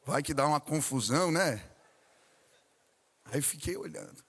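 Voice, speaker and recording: A male pastor preaches a sermon and tells a family story, acting out each voice in it. His voice sits on the higher side for a man. The sound carries the long reverb of a large church hall. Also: lively intonation, a little slow, a bit bright, slightly rough. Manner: storytelling preacher, acts out dialogue with rising intensity.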